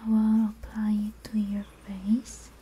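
Whispering breathily right by a close microphone, a woman performs a gentle ASMR spa roleplay as a therapist, giving soothing, unhurried instructions. Her medium-pitched delivery is completely flat, with a breathy edge. Faint background noise and ambient sound can be heard.

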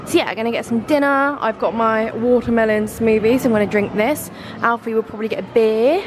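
A woman's voice: a little high, brisk, background noise. A young woman, chatting casually as she films her travel vlog with many fillers. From England. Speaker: travel vlogger. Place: busy outdoor night market. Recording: loud music behind, outdoors.

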